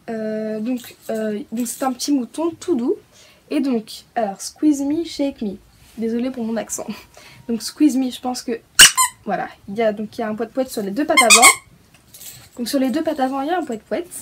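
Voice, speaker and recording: A woman's voice: fairly high pitch, a little mellow, slight background noise. Hesitant, giggly woman unboxing a haul. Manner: hesitant, many fillers, giggly. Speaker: pet vlogger.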